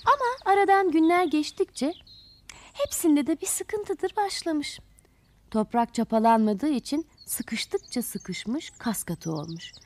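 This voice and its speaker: A woman narrating a children's fairy tale in an expressive way, speaking to the listening children. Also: high voice, takes it slowly. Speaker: storyteller.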